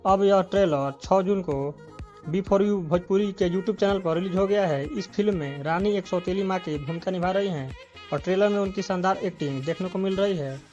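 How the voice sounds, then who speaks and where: A man's voice: sits high, normal speed, a little mellow, dull audio, faint music behind. A man narrating a scripted entertainment news voice-over, reading steadily from a prepared script.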